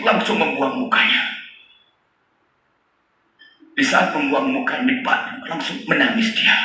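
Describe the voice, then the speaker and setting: A male preacher telling a story to a gathering, animated and acting out each character, with a bright, sharp tone and lively swings in pitch. He sounds fairly high for a man. The voice rings through a large echoey hall and is heard from some distance. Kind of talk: storytelling sermon. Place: large hall at a religious boarding school gathering.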